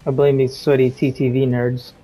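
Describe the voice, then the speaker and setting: A man's voice: medium pitch, flat delivery, moderate pace, a crowd in the background. A man in casual, profane gaming chat, trash-talking other players. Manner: taunting, profane. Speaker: gamer, channel player.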